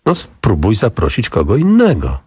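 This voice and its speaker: A kindly storybook visitor who offers sympathetic advice, voiced by a man reading aloud. The voice sits low and husky. The sound is dry and close. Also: huge pitch swings, moderate pace, no echo, full character voice. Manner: sympathetic, gently advising.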